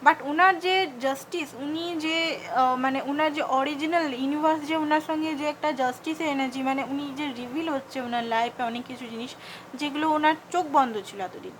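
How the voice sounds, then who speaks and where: A woman with a Bengali accent giving a fast, repetitive tarot reading and advice, mixing in English words. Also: high voice, a little hiss or hum, low-quality recording. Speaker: tarot card reader.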